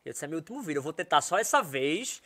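Young guy, podcast guest, lively storyteller who acts out the other voices. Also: a little high, fast, a little hiss or hum. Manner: animated, acts out quoted voices, laughs while telling. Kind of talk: casual storytelling.

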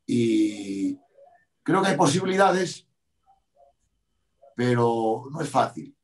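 A man's voice: mid-range voice, big pitch swings, slow pace. A man, a rally driver, telling a story in an interview, acting out both sides of a quarrel. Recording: roomy sound from a distant mic.

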